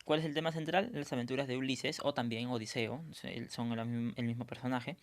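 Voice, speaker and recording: A man's voice: medium pitch, level tone, brisk. Man teaching a review lesson. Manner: explanatory, frequent check-ins with students. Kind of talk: recorded review lesson for students.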